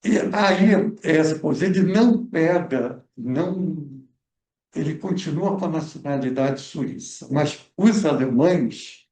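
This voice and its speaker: A guest researcher explains history at a film club debate in a cultural center's event room, hesitating with many fillers and restarts. His voice is fairly high, slow, and a little mellow, and the echoey recording places him far from the mic.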